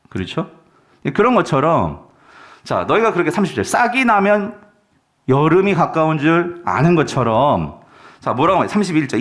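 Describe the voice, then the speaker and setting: A male pastor preaching a sermon, animated and constantly questioning his congregation. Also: on the high side. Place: church sanctuary.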